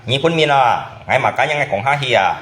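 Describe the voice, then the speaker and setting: A man's voice: mid-range voice, lively intonation, brisk, fairly bright tone. Male host from Indonesia, casual chat, keeps tossing back short questions; mid-range voice, roomy reverberant sound. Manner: chatty, often asks back with short questions. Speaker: channel host. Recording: roomy echo.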